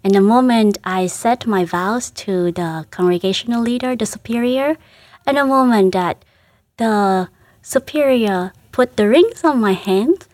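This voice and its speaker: A Vietnamese woman speaking English with a Vietnamese accent, a religious sister reflecting in an interview. Her delivery is slow, gentle and earnest, and she often stops to restart a phrase. The sound is dry and close. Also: mid-range voice, animated, dry recording. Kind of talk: emotional personal reflection.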